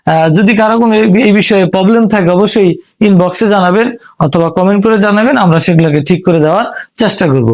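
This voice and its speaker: Male Bangladeshi teacher, high pitch, patient step-by-step delivery with lots of repetition. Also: a little mellow. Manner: patient, repeats and spells out syllables slowly. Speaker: English reading teacher. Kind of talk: step-by-step spoken lesson.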